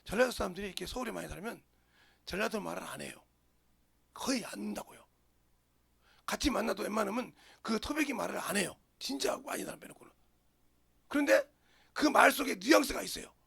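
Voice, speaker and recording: A male pastor from the region, preaching a sermon in an animated way and dropping into whispers for emphasis. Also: sits high, a little fast, vocal fry, pauses often, husky. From Jeolla, Korea.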